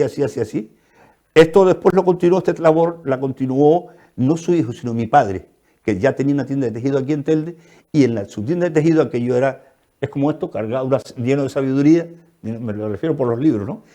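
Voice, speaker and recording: A Canarian man talks at a fast clip in a fairly high voice. He is a guest author in a TV studio interview, telling lively anecdotes and acting out the voices of the people he quotes. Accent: Canarian Spanish. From Canary Islands. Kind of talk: interview conversation.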